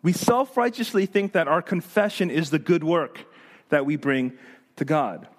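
A male pastor preaching a sermon in an animated, emphatic way, acting out the voices of the people he quotes. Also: on the high side, moderate pace.

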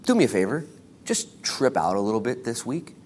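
An American man preaching an informal sermon as a pastor, exhorting in casual, slangy language and shifting between hushed and emphatic delivery. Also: medium pitch, very animated, a little fast, a little hiss or hum. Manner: casual, colloquial, exhorting, with slangy asides and acted-out quotes.

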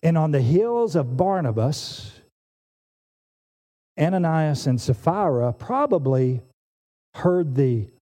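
Animated preacher in a reverberant hall. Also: male voice, on the high side, slow, long pauses. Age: 40s. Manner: animated and emphatic, with frequent restarts. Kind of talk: sermon.

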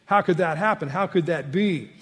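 A male pastor delivers a sermon in a high, bright voice. He is emphatic, punching rhetorical questions loud and then dropping to quiet asides. A long hall reverb trails behind every line. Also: normal speed, slightly rough.

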